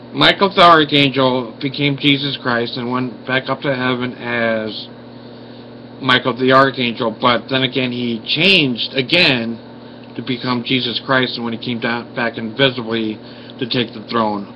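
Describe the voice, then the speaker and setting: A man's voice: mid-range voice, fairly even intonation, measured pace, slight background noise. A man, talking with a slight lisp after oral surgery. He rambles apologetically with many fillers and restarts, first as a casual vlog and then on a phone call. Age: 40s. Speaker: vlogger.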